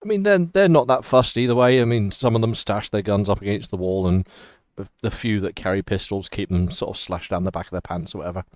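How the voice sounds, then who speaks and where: A man's voice: lowish voice, fast, hardly any pauses, darkish tone, no room sound. A man acting as game master, casually improvising narration for a tabletop role-playing game.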